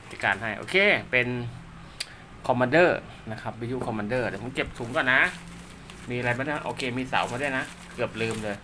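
A radio technician and seller shows off gear he's setting up, his commentary casual, polite and rambling, as if half talking to himself. His medium-pitched voice moves at a normal speed and sounds pushed and bright. A faint hiss or hum sits underneath.

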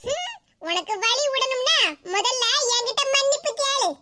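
A woman's voice: very high-pitched, lively intonation, a little slow. A woman voicing a bossy, mocking older village woman in a cartoon, speaking with a Tirunelveli Tamil accent and a teasing sing-song manner. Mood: scornful. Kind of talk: cartoon comedy voice acting. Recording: loud background hiss.

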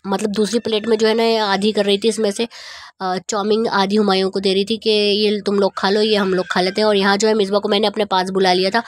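A woman in her thirties narrates a family vlog on a city street at night, holding her phone at arm's length. She rambles casually with lots of fillers, her mid-range voice flat and a little fast over a slight hiss or hum.

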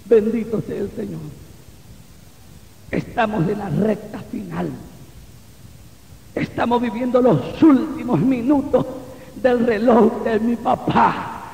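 A man's voice: very high voice, takes it slowly, creaky, pauses often, a little mellow. A man preaching and giving testimony at a church service, fervent and breaking into repeated exclamations of praise. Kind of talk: evangelical sermon and testimony. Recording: echoey hall with long reverb.

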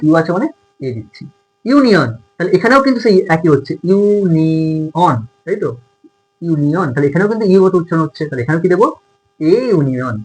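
A man's voice: a little high, breathy edge, poor audio. A male tutor with a Bengali accent teaching a grammar lesson, asking his students questions and answering them himself.

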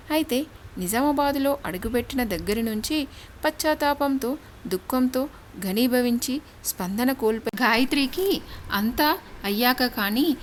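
A woman storyteller reads a dramatic story aloud in a steady, expressive manner. Her voice sits fairly high, and a faint hiss runs beneath it. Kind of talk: scripted story narration.

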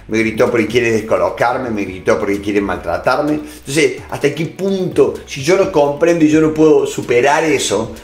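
In a roomy-sounding recording, a middle-aged negotiation instructor with a Rioplatense Spanish accent delivers a motivational lesson in a mid-range voice. He addresses "you" throughout and leans heavily on the filler "este."

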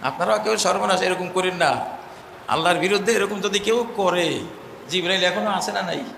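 A man's voice: moderate pace, vocal fry. Man, preacher, impassioned sermon, chanted verses, long hall reverb, faint background noise. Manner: impassioned, swings between loud cries and low murmurs, chants verses.

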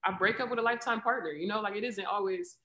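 A young woman in her twenties, an athlete and poet, speaks fast at medium pitch as an interview guest on a video call from her living room at home. She is candid and reflective, using plenty of "um" and "right?", and the webcam audio carries a roomy echo.

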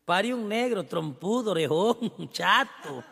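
A man with a Mexican accent doing crude, teasing stand-up banter as emcee at a live show, rowdy and quick to laugh. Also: high voice, animated, creaky, background noise. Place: live concert stage. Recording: reverberant live venue with band music. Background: band music.

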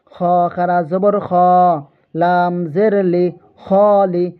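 A man teaching Quran reading, spelling out letters and vowel marks one syllable at a time and drawing out each joined word slowly. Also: high-pitched, flat delivery, clean tone. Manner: slow, deliberate letter-by-letter drilling, drawing out the blended words. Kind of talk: spelling out Arabic letters and vowel marks, drill-style lesson. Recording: lo-fi narrow phone-like sound.

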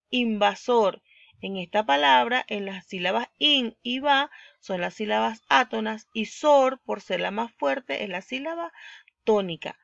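A woman teacher with a Venezuelan accent who gives a recorded online lesson, speaking slowly and deliberately and stressing the example words. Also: on the high side, gravelly, pushed and bright, no echo, dull audio.

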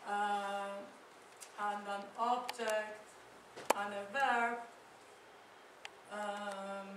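An academic whose first language is Persian gives a chatty, self-deprecating conference talk full of fillers and restarts. Her medium-pitched voice is flat and very slow. A far-off camera catches it in an echoey, noisy lecture room.

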